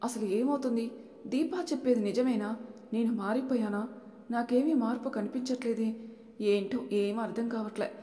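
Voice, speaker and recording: A stubborn young heroine snaps back with a sharp tongue, as a woman narrator plays her. Her fairly high voice echoes around the room, trailing a long reverb. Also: fairly even intonation, normal speed, lightly acted. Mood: brooding. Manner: snappy, sharp-tongued, defensive. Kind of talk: audiobook character voice.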